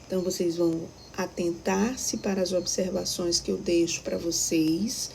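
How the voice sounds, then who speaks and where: Brazilian teacher with a gravelly voice. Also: female voice, fairly low pitch, steady tone, moderate pace, a little mellow, slight background noise, rough recording. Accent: Brazilian Portuguese. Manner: patient, explaining step by step with frequent checks like "tá?". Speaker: primary school teacher. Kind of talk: recorded classroom lesson.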